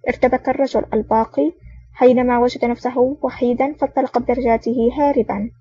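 A woman narrating an action novel as an audiobook with brisk, even reading. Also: fairly high pitch, breathy edge, dry recording. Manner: brisk, even reading with small slips and restarts. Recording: dull lo-fi audio.

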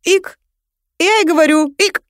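Woman doing a hiccupy crafty dwarf guy, high and loud, babbling excuses. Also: normal speed, dry recording, studio quality, close to an everyday voice. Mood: flustered.

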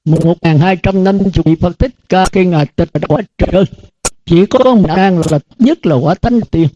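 A man's voice: sits high, moderate pace, dark tone, dry recording. An older man, a Buddhist monk, giving a dharma talk to students in an earnest, repetitive cadence full of rhetorical questions. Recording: dull lo-fi dry recording.

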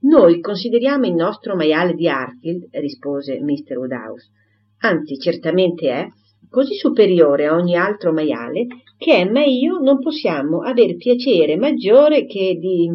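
A woman voicing a fussy, anxious elderly gentleman who frets over food and health. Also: on the low side, big pitch swings, unhurried, muffled recording. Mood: pleased. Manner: fussy, fretting.

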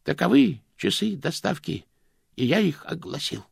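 A man's voice: on the high side, sing-song, normal speed, creaky, slightly rough, no room sound, clean studio sound, pitched above the performer's own voice, full character voice. A man doing a weary, evasive old postman. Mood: reciting. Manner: hesitant, patient, fussy.

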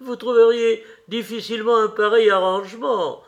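A witty, cynical aristocrat delivers dry, mocking remarks, as a male audiobook reader puts him on. His voice is gravelly and measured. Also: mid-range voice, very animated, dull audio. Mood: wry. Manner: wry, mocking.

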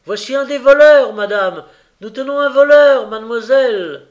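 A man voicing a boastful old male butler in an audiobook, talking loudly and full of self-importance. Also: on the high side, unhurried, highs cut off. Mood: triumphant shouting. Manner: loud, excited, self-important. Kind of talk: audiobook reading.

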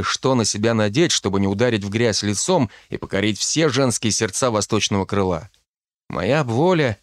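A man reading a first-person novel aloud, expressive and lively. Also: lowish voice, no echo, studio quality. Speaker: audiobook narrator. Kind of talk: first-person fiction narration.

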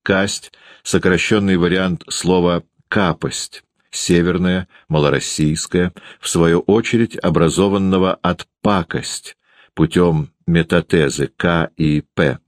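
A man reading a classic novel aloud as an audiobook narrator, in an expressive storytelling manner. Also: deep voice, a little slow, no echo, studio quality.

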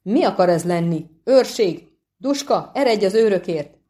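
A woman doing a blunt, loud innkeeper. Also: lowish voice, natural voice. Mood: alarmed shouting. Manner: shouting, then dry and blunt.

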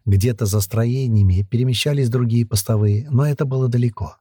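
A male audiobook narrator with a dark, husky voice, recorded close on a studio mic in a dry space. He reads fantasy prose in a steady storytelling manner. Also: medium pitch, brisk, no echo.

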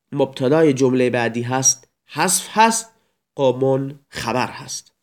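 A man teaching Arabic grammar in a recorded lecture, explaining step by step and reciting examples in a raised voice. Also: medium pitch.

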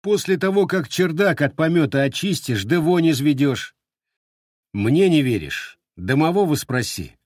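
A man's voice: fairly high pitch, lively intonation, a little slow, dry recording, clean studio sound, pitched above the performer's own voice. A man voicing a stern, weary young monster hunter who scolds and explains firmly.

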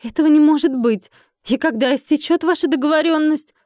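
A sharp-tongued, scornful young woman from a fantasy audiobook, read by a woman, her voice lifted high and pushed loud. She snaps her words out curtly and mockingly. The recording is dry and close. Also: brisk, no echo, natural voice. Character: haughty scornful young woman, innkeeper's daughter.

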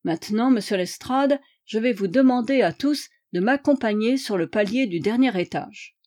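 Sherlock holmes done by a woman reader, playful know-it-all detective, dark mellow voice, storybook reading. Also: on the high side, lively intonation, normal speed, lightly acted. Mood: wry. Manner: courteous, wry, theatrical. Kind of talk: audiobook character reading.

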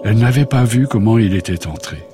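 A man narrating a scripted bedtime story for children in a calm, gentle reading voice. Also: fairly low pitch, brisk, over music.

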